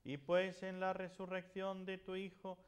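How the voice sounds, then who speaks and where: High-voiced man reciting Mass prayers as priest. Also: monotone, measured pace.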